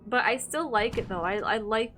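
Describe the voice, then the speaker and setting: A woman's voice: a little high, moderate pace, a bit bright, soft background music. A young woman streaming a horror game, thinking aloud in casual commentary with lots of fillers and hesitations.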